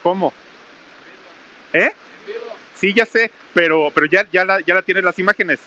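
A man's voice: high-pitched, measured pace, pushed and bright, highs cut off, a little hiss or hum. A man hosting a live stream outdoors under a small roof in heavy rain, reading out viewer greetings in a raised, casual voice. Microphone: camera mic with crew nearby.

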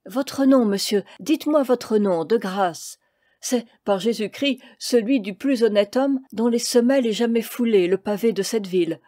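A woman's voice: a little high, normal speed, no room sound, natural voice. Woman reading as a sweet gushy baker lady, dry close sound. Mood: effusive. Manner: gentle and effusive. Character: kind, effusive baker's wife.

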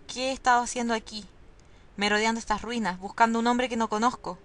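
A woman's voice: a little high, fairly even intonation, fast, fairly bright tone, natural voice. A woman reading aloud the lines of a troubled young man searching a ruined hospital, in a plain reading voice. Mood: worried. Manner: reads dialogue boxes aloud, plainly.

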